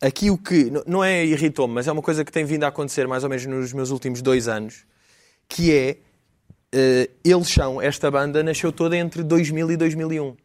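Quick-talking young Portuguese man. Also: on the high side, darkish tone. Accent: European Portuguese. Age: 20s. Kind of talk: casual panel chat.

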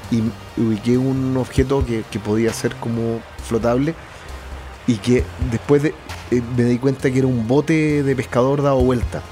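A man's voice: mid-range voice, fairly even intonation, dark tone, soft background music. A man with a Chilean accent giving personal testimony, often breaking off and restarting his phrases. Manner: halting, restarts mid-phrase. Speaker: interviewee.

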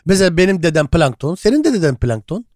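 A man co-hosting a comedy podcast, firing off jokes at a brisk clip. His voice sits a touch high, and the recording is close and dry with no room sound. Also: big pitch swings, darkish tone, dry recording. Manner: jokey, riffing, quick banter. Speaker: podcast co-host. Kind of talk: casual comedic chat.

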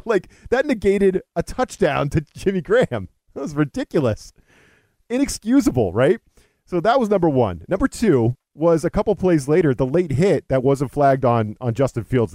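A man's voice: on the high side, warm tone, dry recording. Exasperated, ranting male sports host. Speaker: podcast host. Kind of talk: casual sports talk.

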